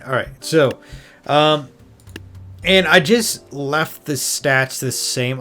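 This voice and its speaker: A man's voice: mid-range voice, a bit bright. A man hosting a gaming video with casual commentary, rambling and thinking aloud as he goes. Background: music behind the voice.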